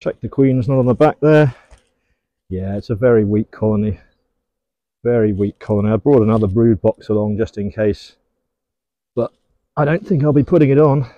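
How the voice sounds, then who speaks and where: Tending hives outdoors in his garden, a middle-aged beekeeper from England narrates the work casually and chats fondly to his bees. He speaks in a lowish voice at a moderate pace, pausing often. The audio has no room sound and comes across dull.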